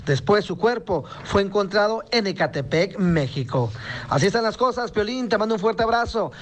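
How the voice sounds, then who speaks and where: High-voiced male news reporter. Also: expressive, moderate pace.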